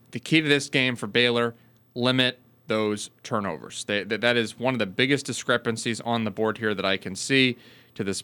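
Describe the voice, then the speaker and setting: A man talks sports on a podcast, working through stats out loud and catching his own slips. His voice is bright and sharp, with a smooth, crisp tone that carries well. The talk stays casual and unscripted. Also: fairly low pitch. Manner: rattles off stats and corrects himself mid-sentence. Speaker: podcast co-host.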